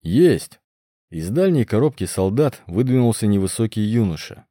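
A man reading a fantasy novel aloud in a measured storytelling manner. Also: fairly low pitch, lively intonation, mellow, no room sound, studio quality. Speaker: audiobook narrator. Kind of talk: scripted fantasy narration.

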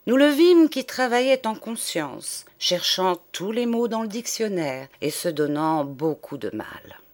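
Expressive woman reading a classic novel. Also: mid-range voice, measured pace. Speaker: audiobook reader. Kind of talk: literary audiobook narration.

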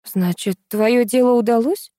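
Sarcastic young woman in an audiobook, raised and mellow, as a woman reader plays her. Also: fairly high pitch, a little slow, no echo, studio quality, voice pushed up, lightly acted. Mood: curious. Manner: needling, sarcastic. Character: sharp-tongued mocking young woman.

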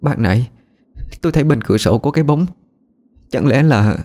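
A man's voice: lowish voice, brisk, creaky, a little mellow. A man voicing a frightened young village mother, speaking in anxious, breathless cries in a storybook ghost tale.

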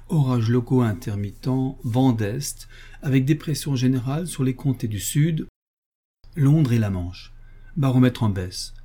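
A man reading a comic novel aloud in a lively, ironic way. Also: mid-range voice. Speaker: audiobook reader. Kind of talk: expressive audiobook narration.

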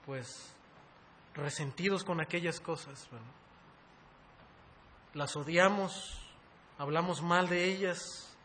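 A man preaching a sermon in a high, bright voice. He swells to loud, forceful peaks as he presses his points. A faint hiss of noise sits under the recording. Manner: rising to loud, high-pitched emphasis, addresses listeners as brothers.

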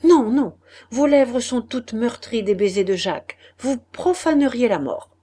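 A woman's voice: medium pitch, wildly swooping pitch, unhurried, mellow. A woman reading an audiobook, voicing a heartbroken young lover who accuses in a raised, trembling voice. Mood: anguished accusing.

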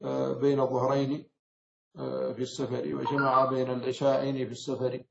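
A man from Mauritania, an Islamic scholar, giving a measured explanatory lecture on a classical text, often pausing and correcting himself. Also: mid-range voice, completely flat delivery, creaky, background noise. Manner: measured, explanatory, with frequent self-corrections and hesitations. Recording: roomy, slightly dull recording.

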